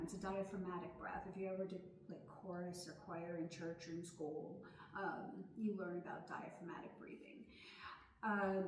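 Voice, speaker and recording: Woman teaching yoga, distant in an echoey room. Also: mid-range voice. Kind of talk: instructional yoga talk, explaining step by step. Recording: roomy echo, distant mic, faint noise.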